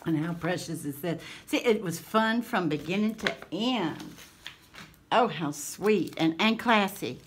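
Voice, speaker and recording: A woman's voice: fairly low pitch, animated, unhurried, a little hiss or hum. A woman, chatting casually and affectionately to her craft channel viewers in a folksy drawl. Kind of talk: casual chat to camera.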